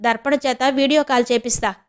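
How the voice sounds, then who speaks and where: A sharp-tongued, defensive grown daughter, as a woman narrator puts her on in an audio novel. She retorts in a raised, clipped voice pitched on the high side. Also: steady tone, brisk, clear, resonant tone, natural voice.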